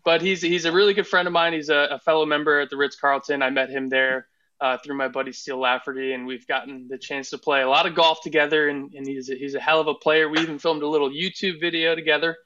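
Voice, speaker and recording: Podcast host, man, bright forceful tone, stammers and repeats, muffled lo-fi sound. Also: fairly high pitch, flat delivery, fast talker. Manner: stammering restarts, hype, swears casually. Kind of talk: casual podcast interview. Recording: dull lo-fi podcast audio.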